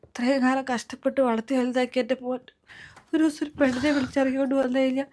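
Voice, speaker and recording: A woman acting as a middle-aged mother in a family web drama, her voice set high. She laments loudly and turns to stern scolding, emotional and insistent throughout. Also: close to an everyday voice. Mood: reconciling.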